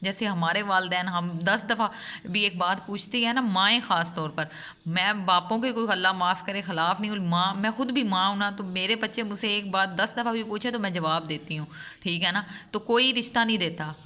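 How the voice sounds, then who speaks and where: Woman, mother, vlogger, earnest, emphatic, repeats herself for stress, bright forceful tone. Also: mid-range voice. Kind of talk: heartfelt vlog monologue.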